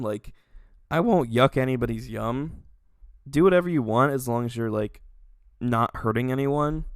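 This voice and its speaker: A man's voice: mid-range voice, no echo, clean studio sound. A young man in a casual comedy vlog, ranting animatedly with lots of swearing and laughter. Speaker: video creator.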